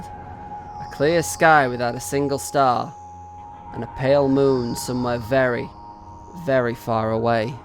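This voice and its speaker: A man reading a visual novel aloud in first person, slow and expressive, rising into anxious cries. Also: medium pitch.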